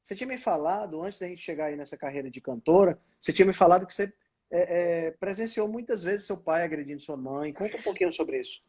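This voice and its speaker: A man's voice: high voice, fast talker, breathy edge, highs cut off. A man hosting a podcast who prompts his guest and reacts a lot with short acknowledgments. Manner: animated, lots of backchannel and prompting. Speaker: podcast host. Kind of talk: conversational interview.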